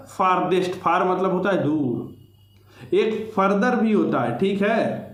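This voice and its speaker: A man's voice: high-pitched, echoey room. A man teaching a grammar lecture to exam students, explaining step by step and repeating key points.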